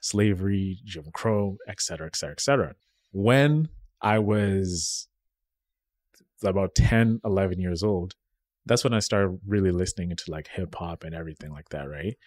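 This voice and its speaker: A man's voice: deep voice, normal speed, a little mellow, no room sound. A young man from Kenya, whose first language is Swahili, telling reflective stories as a podcast guest in casual conversation. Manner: reflective storytelling, frequent "right?" tags.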